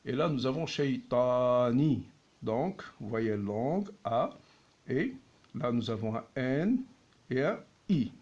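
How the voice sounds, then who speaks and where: A man teaching at a whiteboard, patiently explaining and repeating each word slowly. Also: medium pitch, animated, a little mellow, muffled recording. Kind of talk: slow classroom explanation.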